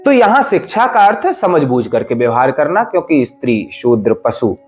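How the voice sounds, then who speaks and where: A man's voice: mid-range voice, big pitch swings, moderate pace, soft background music. A man, a spiritual teacher, giving a devotional discourse in an emphatic, explanatory way. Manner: emphatic, explanatory, rises and falls sharply for stress.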